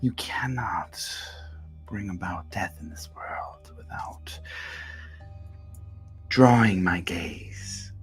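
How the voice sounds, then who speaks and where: A man's voice: low-pitched, expressive, drawn-out words, pauses often, breathy edge, faint music behind, exaggerated voice. A man voicing a sinister male god of death, who whispers in a cold, cryptic, menacing way.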